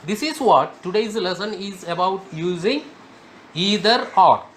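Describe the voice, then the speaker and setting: Slow, high-voiced man teaching grammar. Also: lively intonation, a bit bright, slight background noise. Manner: slow, emphatic, repeats key words. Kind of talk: spoken grammar lesson.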